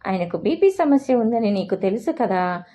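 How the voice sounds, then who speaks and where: A woman's voice: medium pitch, sing-song, moderate pace, warm tone, lightly acted. Woman as a firm, worried mother. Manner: firm, restraining. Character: worried mother calming her daughter.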